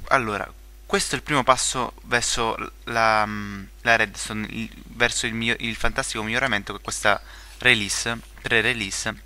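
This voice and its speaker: Bright-voiced young Italian-speaking gamer. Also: male voice, on the low side, slight background noise. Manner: rambling, many fillers and restarts, joking asides. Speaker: gaming video creator. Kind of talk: casual gameplay commentary.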